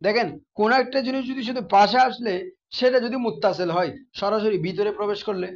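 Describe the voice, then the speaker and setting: A man's voice: high voice, fast talker, lo-fi sound. A man teaching a class, often asking his students questions and repeating the key terms. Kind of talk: classroom grammar lesson.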